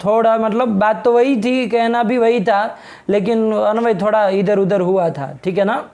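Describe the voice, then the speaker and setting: A middle-aged man teaching a Sanskrit grammar class online, brisk and scolding as he presses a student to state his question clearly. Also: high voice, fairly even intonation, darkish tone.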